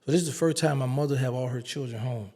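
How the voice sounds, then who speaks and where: A man's voice: mid-range voice, fast. A man, an interview guest telling a casual story and acting out the dialogue. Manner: animated storyteller, acts out quoted dialogue.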